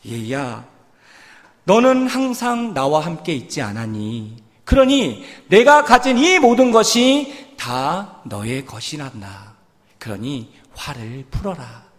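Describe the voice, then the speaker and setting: A male preacher voicing a gentle, earnest old father who coaxes and pleads with his son during a sermon. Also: on the high side, sing-song, slow pace. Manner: coaxing, earnest. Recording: long church reverb.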